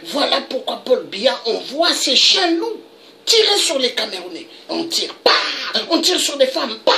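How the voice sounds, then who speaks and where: Woman, political commentator: slow, indignant rant with a gravelly edge and sharp, high tone. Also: slight background noise. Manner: emphatic, indignant, with dramatic pitch leaps. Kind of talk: impassioned political monologue.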